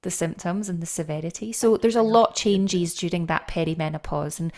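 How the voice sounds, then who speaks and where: A middle-aged woman explaining things step by step as a guest coach in a podcast interview, with lively, animated stresses. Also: on the low side, fairly quick.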